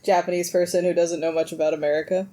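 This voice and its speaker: A woman's voice: lowish voice, level tone, fast talker, warm tone. A woman co-hosting a podcast, chatting in a meandering way with frequent laughs. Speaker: podcast co-host. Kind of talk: casual chat.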